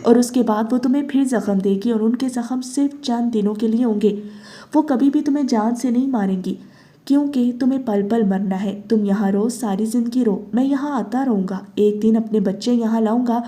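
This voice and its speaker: A woman voicing a cold, vengeful grown man who speaks in a measured, cruel way, in a novel reading. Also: a little high, warm tone, natural voice. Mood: cold menace.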